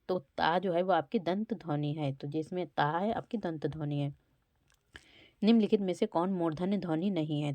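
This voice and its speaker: A woman's voice: fairly low pitch, dark tone, no room sound. Woman teacher sounding out letters. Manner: walks through quiz questions, sounding out letters. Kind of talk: exam-prep lesson.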